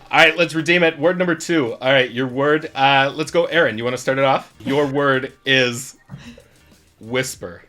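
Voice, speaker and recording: A man's voice: mid-range voice, measured pace, sharp tone. A young man hosting a casual interview and song game, upbeat and teasing, talking at length. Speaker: show host.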